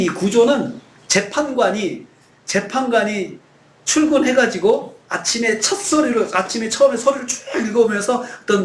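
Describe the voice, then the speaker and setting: A man's voice: high-pitched, fairly bright tone, roomy sound, a little hiss or hum. A man preaching a sermon as pastor, earnest and at times pleading. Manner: earnest, acts out pleading prayers with rising voice. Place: church sanctuary.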